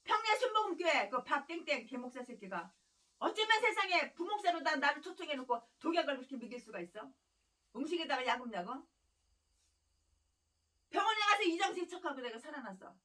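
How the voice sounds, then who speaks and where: A woman's voice: high-pitched, very animated, brisk, pushed and bright, recorded from a distance. A woman pastor preaching a sermon in a fiery, scolding way, hammering on repeated phrases and breaking into harsh, angry rants. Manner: harsh angry ranting with insults.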